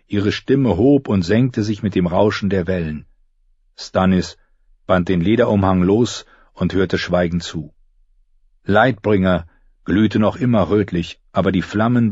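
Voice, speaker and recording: Husky-voiced male audiobook narrator. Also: on the low side, darkish tone, no room sound, highs cut off. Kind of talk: scripted narration.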